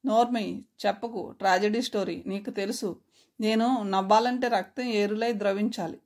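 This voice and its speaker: A woman's voice: mid-range voice, steady tone, normal speed, a little mellow, natural voice. A woman voicing a cruel, menacing middle-aged male crime boss who barks orders and mixes English words into his threats.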